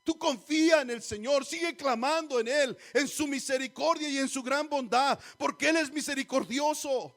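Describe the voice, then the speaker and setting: A very high male voice at normal speed, with few pauses, exhorts a church congregation during a sermon. Rhetorical questions come often, as does the address "hermanos."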